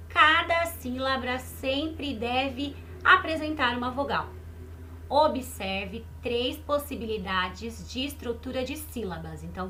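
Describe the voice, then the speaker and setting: High-pitched woman teacher, patient and unhurried, repeats words and quizzes young kids. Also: bright, forceful tone. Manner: patient, repeats words slowly and asks the class questions. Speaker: primary school teacher. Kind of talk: online lesson explaining exercises to children.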